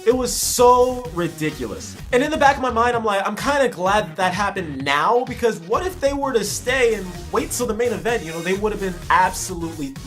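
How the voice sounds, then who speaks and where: A man's voice: sits high, expressive, fairly quick, hardly any pauses, a bit bright. A young adult man telling a personal story as a vlogger, in a casual, slangy, emphatic way with plenty of repetition. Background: faint music.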